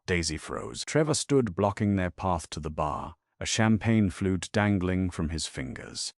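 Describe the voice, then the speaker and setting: A man narrating a romance story in a measured, dramatic way. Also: low-pitched, expressive, no room sound, studio quality.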